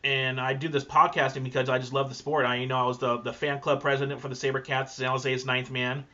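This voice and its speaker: A man's voice: medium pitch, flat delivery, quick pace, pushed and bright. A man hosting a podcast, chatting casually and rambling, with many fillers and restarts. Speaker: podcast host. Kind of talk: casual conversation. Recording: dull lo-fi sound.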